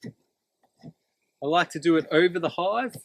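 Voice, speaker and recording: A man with a slightly high voice teaches a hands-on task outdoors. He explains each step in a practical, plain-spoken manner, and the sound is dry with little echo. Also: takes it slowly. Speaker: beekeeping instructor. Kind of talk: instructional demonstration, explaining step by step. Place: outdoors beside beehives.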